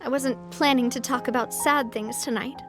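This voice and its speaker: This video game performance is lightly acted: a woman's high-sitting voice keeps a steady tone at a moderate pace as she plays a cheerful, confident young adult noblewoman. The character laughs easily but becomes wistful in this reflective moment, with soft game music underneath.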